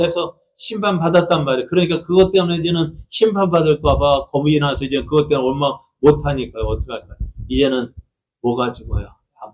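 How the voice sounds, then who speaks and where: A middle-aged male pastor delivers a Sunday sermon in a fairly high voice. His tone is conversational, and he keeps turning questions out to the listeners. He acts out quoted lines in a raised voice. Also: darkish tone, low-quality recording. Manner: conversational, asks the congregation questions.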